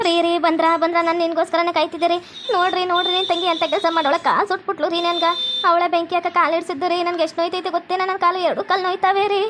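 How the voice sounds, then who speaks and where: A woman's voice: very high-pitched, flat delivery, very fast, background noise. A woman voicing a young daughter-in-law who wails and pleads, with a North Karnataka Kannada accent. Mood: pleading. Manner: wailing, pleading.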